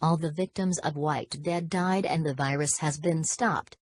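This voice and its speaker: Voicing an emergency alert announcer for a scripted broadcast, this woman speaks formally and gravely in a deep, darkish voice at a slightly slow pace. The delivery comes across as stilted and almost synthetic.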